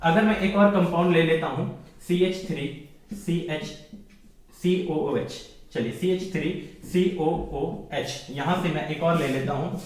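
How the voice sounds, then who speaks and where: A male teacher lectures on chemistry with a slightly raised pitch, walking through each step and repeating the key terms. His voice rings around a very echoey room. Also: normal speed. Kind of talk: classroom lecture.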